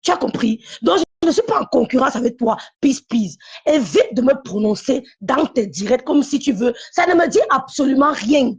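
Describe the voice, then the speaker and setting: A woman's voice: sits high, expressive, moderate pace, few pauses, breathy edge. A woman calling into a live stream, talking in an insistent, repetitive, confrontational way. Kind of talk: heated live-stream call.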